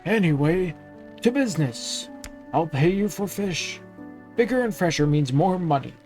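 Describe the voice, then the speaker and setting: A man voicing a downcast, gruff old fishmonger in a video game, curt and grumbling. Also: fairly high pitch, lively intonation, measured pace, a little mellow, faint music behind, pitched above the performer's own voice.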